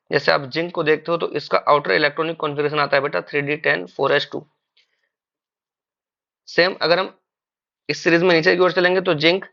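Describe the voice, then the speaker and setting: A man's voice: on the high side, vocal fry, sharp tone, muffled recording. A man teaching chemistry in a classroom-style lecture. He calls his students "beta", poses questions and answers them himself, and mixes English terms into Hindi.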